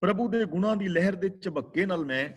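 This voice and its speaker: Scripture teacher, male, measured teaching over a video call, voice a touch high. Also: husky. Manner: chants verses slowly, then explains word by word. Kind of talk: religious exposition class.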